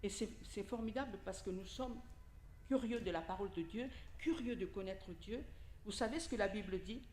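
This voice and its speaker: Speaking at medium pitch and normal speed, this Italian woman's voice is a little mellow, heard in an echoey room with slight background noise. A lay preacher and native Italian speaker, she gives an informal sermon in a church hall service, chatting with listeners via questions and asides.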